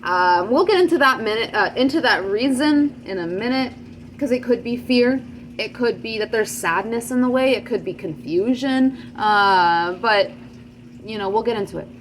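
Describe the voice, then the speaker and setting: A woman's voice: fairly high pitch, lively intonation, moderate pace, slight background noise. A woman giving a casual channeled tarot reading to camera, chatty, with many fillers and frequent check-ins with her listeners. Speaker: tarot reader.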